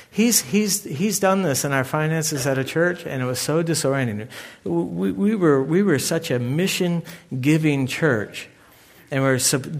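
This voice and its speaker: A middle-aged man delivers a sermon as a pastor, his voice sitting a little high for a man. He tells stories with animation and acts out what others said, sometimes loudly.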